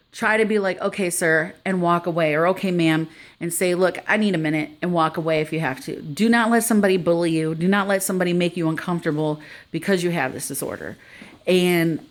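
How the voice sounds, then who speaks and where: A middle-aged woman talking casually to the camera in an earnest, conversational way, sharing her own experience. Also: fairly low pitch. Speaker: vlogger sharing personal experience.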